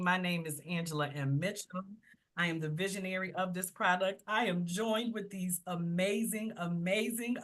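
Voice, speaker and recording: A woman's voice: fairly low pitch, fairly bright tone. A woman in her fifties hosting a live book launch on a video call. She talks in a chatty, exclamatory way and sounds close to tears. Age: 50s. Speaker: author and book project host. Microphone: video conference call.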